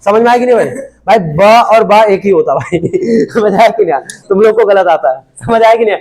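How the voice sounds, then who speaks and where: High-voiced joking male chemistry teacher. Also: animated, brisk, darkish tone. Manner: casual, joking, constantly checking if students understood. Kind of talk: classroom chemistry lesson. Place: classroom with students.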